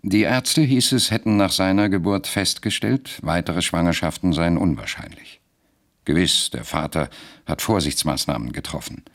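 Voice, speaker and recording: A man narrating a radio drama in a measured, deliberate storytelling manner. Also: low-pitched.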